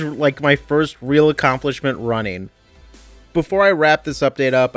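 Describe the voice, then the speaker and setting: A man recording a casual podcast update from under a blanket, chatty and self-deprecating. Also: medium pitch. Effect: recorded under a blanket, muffled and dry. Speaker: podcast host. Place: under a blanket at home during a heat wave.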